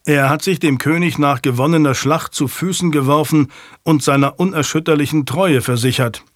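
A man voicing a stern middle-aged nobleman who talks to his sons in a measured, grave way. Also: on the high side, dry recording, studio quality, lightly acted.

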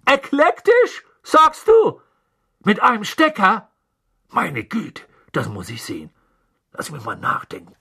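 Brief: male reader voicing an eager, bright-toned middle-aged wizard dad in an audiobook, lively and curious. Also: on the low side, normal speed, gravelly, husky, exaggerated voice. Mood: excited. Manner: excitable, wondering. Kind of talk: audiobook character voice.

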